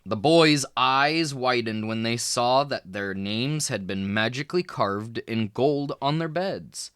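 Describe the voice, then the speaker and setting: A man reads a storybook aloud in a lively, unhurried way, shifting his voice slightly for different characters. His mid-range voice has a clean tone, and the studio recording is clean with no room sound.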